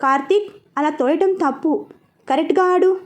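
A woman voicing an earnest, hurt schoolboy in a spoken story, speaking calmly and gently. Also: high-pitched, normal speed, close to an everyday voice. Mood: firm.

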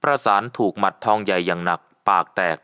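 A man reading a ghost story aloud in a low voice. He keeps a steady, measured storybook delivery throughout. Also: clean tone. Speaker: audiobook narrator. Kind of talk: scripted narration.

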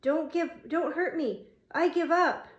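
A woman reading an audiobook, voicing a frightened but scheming young teenage boy who talks in a squeaky, pleading way. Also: normal speed, dull audio, lightly acted. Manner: squeaky, pleading, playing timid. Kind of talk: audiobook character voice. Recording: roomy echo.

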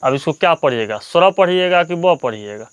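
A man, hosting a slow, patient reading lesson and repeating each point. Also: fairly high pitch, animated, smooth, no room sound, muffled recording. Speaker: teacher and channel host.

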